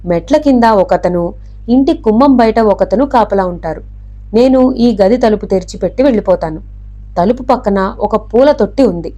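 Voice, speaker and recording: A woman reading the part of a secretive female helper who speaks in a hushed voice in an audiobook. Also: medium pitch, expressive, normal speed, natural voice.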